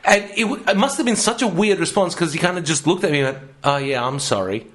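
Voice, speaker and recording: A man tells rambling, sweary stories in a casual comedy podcast. His voice sits a little high for a man, and he laughs his way through the anecdotes. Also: lively intonation, fast, fairly bright tone. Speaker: podcast co-host.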